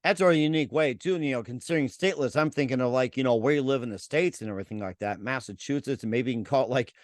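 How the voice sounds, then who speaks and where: A man's voice: mid-range voice, very fast, no room sound, clean studio sound. A man hosting an interview who asks long, rambling questions full of fillers. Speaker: host. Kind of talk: interview host.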